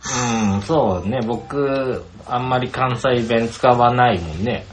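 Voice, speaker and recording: A man's voice: medium pitch, takes it slowly, soft background music. A man with a Kansai accent teasing his friends in a casual video-call chat. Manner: teasing, banters in Kansai style. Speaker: podcast co-host.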